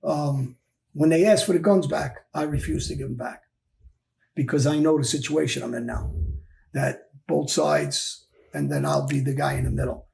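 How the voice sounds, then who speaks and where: A man tells his own story in a candid sit-down interview, speaking bluntly and with emphasis. His voice is deeply gravelly and pitched a little high, and he keeps circling back over his own phrases. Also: normal speed, a little mellow. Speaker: former mob enforcer guest.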